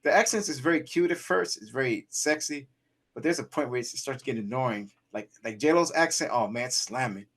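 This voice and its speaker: A man hosting a casual chat show, joking and animated, often restarting his sentences. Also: medium pitch, brisk. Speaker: show host.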